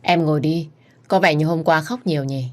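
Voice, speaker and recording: A low-voiced scheming young woman, pleading one moment and calmly calculating the next, as a woman reads her out. It is an audiobook rival figure in a romance story. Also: fairly quick, natural voice. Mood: confiding.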